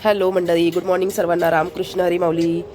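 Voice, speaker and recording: Over music, a woman with a Konkan Marathi accent narrates a casual daily home vlog, showing things to the camera inside her family home. Her voice is fairly low with little pitch movement, and she talks fast.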